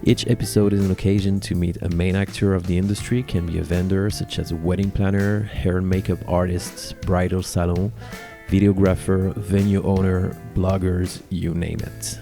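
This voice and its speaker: Deep-voiced man hosting a podcast. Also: mellow. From France. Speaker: podcast host, wedding officiant. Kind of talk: podcast interview.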